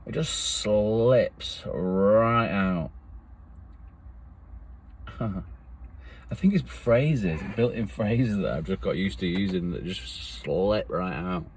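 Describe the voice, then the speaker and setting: A man's voice: sits low, lively intonation, takes it slowly, long pauses, a little hiss or hum. A man, talking to himself in a meandering, reflective solo monologue that often trails off. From England. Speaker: vlogger.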